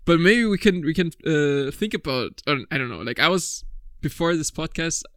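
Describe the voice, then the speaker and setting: A man's voice: a little high, moderate pace, a bit bright, no echo, studio quality. A man in his twenties hosting a casual podcast chat, rambling and laughing often. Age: 20s. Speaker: podcast host.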